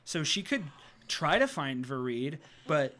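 A man's voice: a little high, very animated, unhurried, sharp tone. A man narrating a tabletop game as game master, improvising in a theatrical way.

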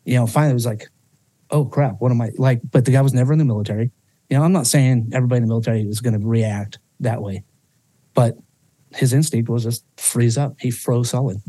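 A man's voice: mid-range voice, quick pace, dark tone, no echo. A man guest on a podcast telling a personal story with emotion, swearing freely and restarting his sentences often.

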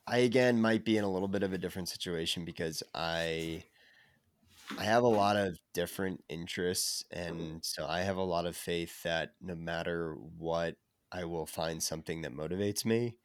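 Hoarse young man, low and gravelly from illness. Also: moderate pace, no echo, clean studio sound. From United States. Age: young adult. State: hoarse and sick with covid. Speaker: podcast guest, endurance runner. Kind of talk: casual interview chat.

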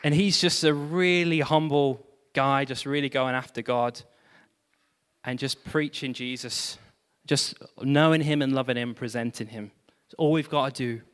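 A man pastor preaching a sermon, animated, with self-deprecating humor and exclamations of praise. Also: mid-range voice, a little slow, clean tone, in a large hall.

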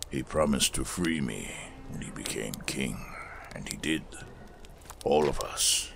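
In a fantasy audio drama, a male actor with a bass voice plays a weathered, solemn smith who was once a fire preacher, speaking in a gravelly, measured, reflective way. His performance is expressive and exaggerated, with a grave, remembering mood. There is noise in the background.

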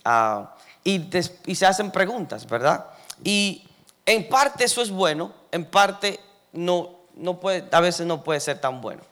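A man's voice: high voice, expressive, takes it slowly, fairly bright tone. A young man preaching as pastor of his congregation, telling everyday stories with many fillers and building emphasis. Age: young adult. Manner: conversational storytelling, many fillers and rising emphasis. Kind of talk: sermon.

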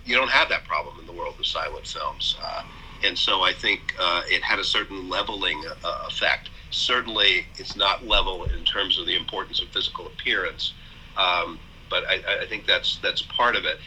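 A man speaking as the guest author in an interview, measured and hesitant with many fillers. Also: deep voice, sharp tone, a little hiss or hum, poor audio. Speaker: author and college president, guest. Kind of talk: thoughtful interview talk.

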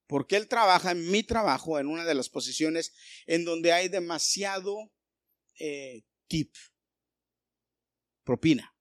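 Pastor guy preaching, kinda high voice, lots of questions at the crowd, dry close sound. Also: measured pace, long pauses, no echo. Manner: animated preaching with rhetorical questions to the congregation. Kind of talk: sermon.

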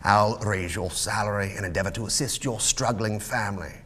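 A man's voice: fairly low pitch, a little fast, a bit bright. A man voicing an old, reformed miser with an emphatic, theatrical delivery. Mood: jovial.

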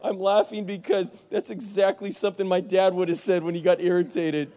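A young adult male pastor preaching a sermon, telling a story with animated back-and-forth and poking fun at himself. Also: sits high, fairly quick, long reverb tail. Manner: animated storytelling, acts out both sides of an argument, self-mocking. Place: church sanctuary.

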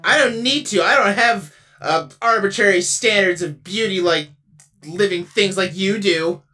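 A woman's voice: medium pitch, measured pace, sharp tone, distant mic, soft background music. A woman playing a cheerful, childlike spaceship being who loves all living things, talking earnestly and stammering when flustered. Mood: indignant. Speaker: improv comedy performer. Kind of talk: improvised comedy podcast.

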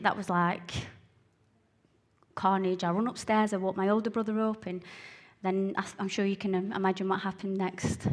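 A woman with a broad Scottish accent from Glasgow gives a personal testimony. Her voice sits at a medium pitch. She speaks earnestly and haltingly, often repeating a phrase to drive it home. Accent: broad Glaswegian Scottish. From Glasgow, Scotland. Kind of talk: personal testimony told to listeners.

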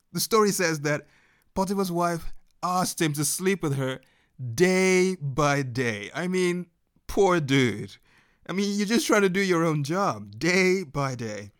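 A man preaching a sermon as a story, animated, laughing often and breaking into shouts. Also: fairly high pitch, measured pace.

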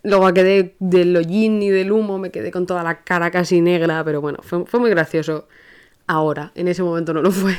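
A young woman with a Spain Spanish accent hosts her own podcast, speaking in a slightly low voice. She tells anecdotes in an animated, chatty way, stumbling and restarting as she goes. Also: smooth. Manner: animated, rushes and restarts while telling an anecdote. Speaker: podcast host. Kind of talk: casual storytelling monologue.

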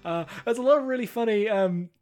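A man's voice: sits high, fairly quick, a little mellow. A man co-hosting a podcast, casually recapping an anime movie in a rambling, amused way with lots of fillers. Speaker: podcast co-host.

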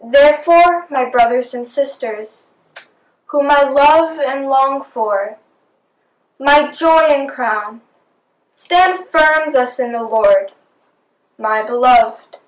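Woman reading scripture slowly in an echoey room. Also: high voice. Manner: slow and measured. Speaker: scripture reader. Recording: echoey, distant from the mic.

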